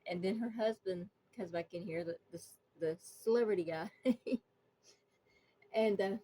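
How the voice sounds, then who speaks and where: A woman's voice: medium pitch, a little slow, mellow, husky, rough recording. A woman telling a casual storytime, rambling and acting out the quoted dialogue. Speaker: vlogger. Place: indoors, just woken up.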